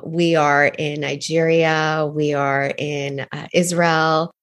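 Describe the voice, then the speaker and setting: A woman's voice: low voice, level tone, takes it slowly. A middle-aged woman from Iran, raised in Canada, speaking earnestly and enthusiastically as a podcast interview guest. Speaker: guest, founder of girls' empowerment program.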